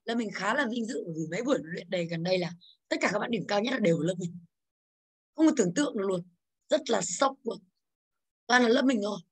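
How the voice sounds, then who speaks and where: In a classroom, a female English teacher fires quick questions at her students and urges them to speak up. Her mid-range voice is animated and husky.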